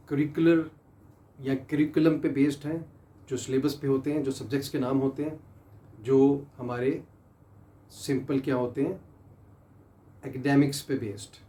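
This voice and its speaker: A man who teaches English, going slowly through a pronunciation lesson and repeating each word for the learner. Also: mid-range voice, warm tone. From Pakistan.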